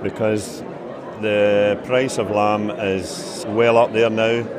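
A Scottish man who farms speaks plainly and earnestly. His voice sits low. A crowd chatters behind him. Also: flat delivery, slow pace. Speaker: farmer, union livestock chair. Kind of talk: casual interview.

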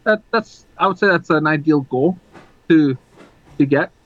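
A man co-hosting a podcast, chatting casually about sports, halting and restarting his sentences often. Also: on the high side, fairly bright tone, no room sound, lo-fi sound. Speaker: podcast co-host.

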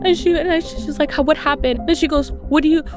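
A woman's voice: sits high, quick pace, over music. A woman being interviewed, telling her story in an emotional way and acting out what people said. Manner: emotional, acts out quoted dialogue. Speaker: interviewee, widow recounting. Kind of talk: personal interview recollection.

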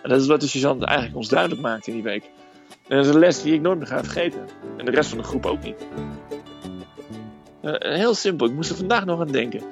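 Gravelly man telling a personal story. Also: mid-range voice, animated, fast talker, over music.

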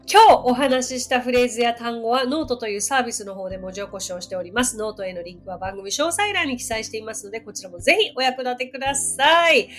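A woman hosting a podcast English lesson, chatty and friendly, with laughs between her explanations. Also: a little high.

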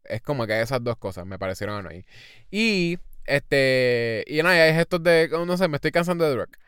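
A man talks through a film review in loose, rambling podcast chat. He slips English phrases into his sentences and leans on fillers. His voice is smooth and clear, recorded close and dry. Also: medium pitch, animated, moderate pace, a bit bright, no room sound. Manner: rambling, mixes English words into Spanish, many fillers. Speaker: podcast co-host.

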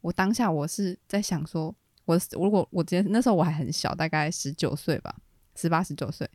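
Fast-talking young woman telling a story. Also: on the low side, no room sound, studio quality. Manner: animated, laughs often, quick rambling restarts. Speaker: podcast co-host. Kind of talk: casual storytelling chat.

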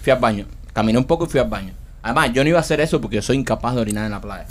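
An excitable man who talks very fast, swinging his pitch up and down. He sounds defensive in the banter, with a faint noise in the background. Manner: excitable, defensive, trails off low. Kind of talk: casual chat.

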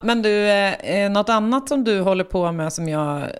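A woman with a mid-pitched voice co-hosts a relaxed podcast conversation. She keeps asking curious follow-up questions and reacts in a chatty, informal way. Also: clear, resonant tone, faint music behind. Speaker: podcast co-host. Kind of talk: casual chat.

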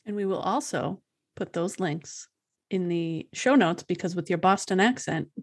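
A woman's voice: lowish voice, moderate pace, husky, dry recording, clean studio sound. A woman co-hosting a podcast in a casual, playful, bantering way. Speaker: podcast co-host.

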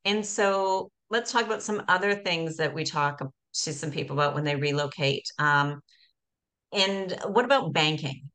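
A middle-aged woman from Canada, hosting a podcast, chatty and animated with frequent restarts. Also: deep voice, a little slow. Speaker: podcast host. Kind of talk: casual interview.

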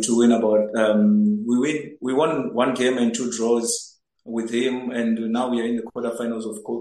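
An earnest young goalkeeper originally from Zimbabwe answers interview questions over a remote link in a lowish, flat voice that barely rises or falls. He stumbles and repeats words while searching for them, and the room has a noticeable echo.

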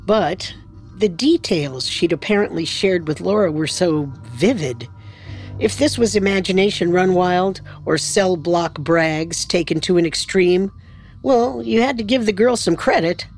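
A woman narrating a true crime podcast in a measured, dramatic scripted style. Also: lowish voice, faint music behind.

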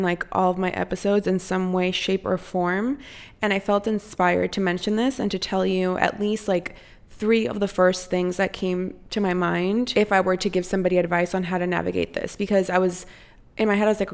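A woman's voice: lowish voice, creaky. A young woman from Costa Rica hosting her own podcast, chatting candidly and casually at home, swearing freely. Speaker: podcast host. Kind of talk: casual solo podcast chat. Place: her apartment.

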